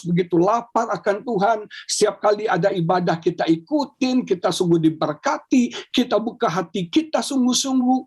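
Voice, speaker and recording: A male pastor preaching a lively sermon over a video call, often asking the congregation whether they agree. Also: high voice, slightly rough.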